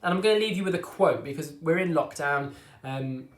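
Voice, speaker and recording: A man teaching an online drama class for children, encouraging and reassuring as he drills tongue twisters slowly. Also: on the high side, expressive. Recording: echoey room.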